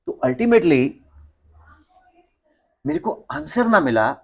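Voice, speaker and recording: A male physics teacher telling a story to his class, animated and acting out the people in it, mixing Hindi with English physics phrases. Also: fairly high pitch, slow.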